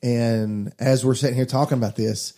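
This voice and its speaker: A man's voice: mid-range voice, steady tone, moderate pace, warm tone. A man, a pastor, talking earnestly about faith in a casual conversation, preaching as he goes. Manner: earnest, preachy, addresses listeners as guys.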